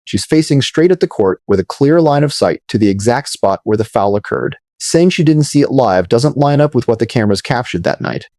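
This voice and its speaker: A man narrating scripted video commentary in a measured, dramatic storytelling manner. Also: mid-range voice, expressive, darkish tone, dry recording, studio quality.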